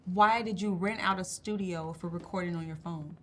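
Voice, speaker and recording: A woman's voice: lowish voice, steady tone, normal speed, slight background noise, close to an everyday voice. A woman playing a blunt, sarcastic young podcaster who swears freely. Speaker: podcast co-host. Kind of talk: comedy sketch.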